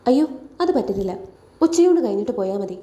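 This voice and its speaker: A woman voicing a gentle, caring young woman who comforts her younger brother, in a soft, reassuring way in an echoey room. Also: mid-range voice, sing-song, fast talker, lightly acted. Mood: tender.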